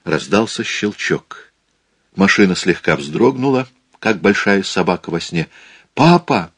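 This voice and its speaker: A man reading a novel aloud as an audiobook narrator, measured and steady. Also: deep voice, breathy edge, no echo, clean studio sound. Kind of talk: scripted literary narration.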